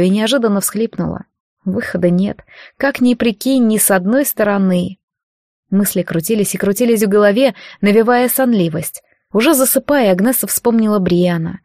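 A woman reading a fantasy novel aloud as an audiobook narrator, with expressive storytelling. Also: mid-range voice, no echo, clean studio sound. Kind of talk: scripted narration.

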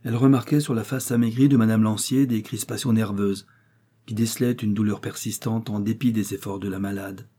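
Low, husky male audiobook narrator. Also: steady tone, brisk, dark tone. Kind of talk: audiobook reading of a novel.

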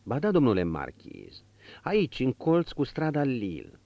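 A man's voice: mid-range voice, huge pitch swings, creaky, dry recording, voice pushed up. A man voicing an old, worried manservant who pleads and fusses over his master, in a dull recording. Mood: deferential. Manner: pleading, fussing. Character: old worried male servant. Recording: dull lo-fi audio.

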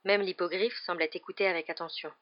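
A woman narrating an audiobook with a steady, measured reading. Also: on the low side, highs cut off.

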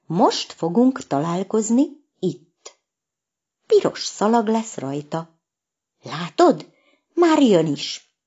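A woman's voice: mid-range voice, very animated, pauses often, dark tone, husky, lo-fi sound. A woman voicing a cheerful, confident male cat who sings in a band, in a storybook. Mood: eager. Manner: eager, teasing.

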